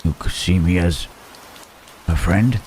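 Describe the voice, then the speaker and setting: A man playing a lonely, humble, gentle-hearted monster in an intimate ASMR roleplay, speaking haltingly and repeating his words with murmured questioning tags. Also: deep voice. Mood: humbled, disbelieving. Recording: rain and thunderstorm noise behind. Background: rain and thunder.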